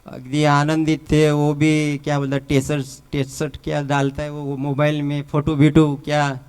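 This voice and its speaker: Slow, clear-voiced Mumbai man giving testimony. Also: on the high side, completely flat delivery, darkish tone. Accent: Mumbai Hindi with Marathi words. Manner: halting, repetitive storytelling. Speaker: testimony speaker at a church retreat. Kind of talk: personal faith testimony.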